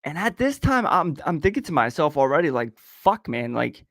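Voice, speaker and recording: A man's voice: fairly high pitch, big pitch swings, moderate pace, a bit bright, no echo, studio quality. A man telling a personal story in casual chat, swearing constantly and laughing between sentences. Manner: profane, rambling, laughs often. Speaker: podcast host.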